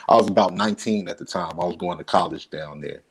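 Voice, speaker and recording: A man from Chicago recounting a personal story in a relaxed, matter-of-fact way during casual chat. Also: low-pitched, quick pace, slightly rough, low-quality recording.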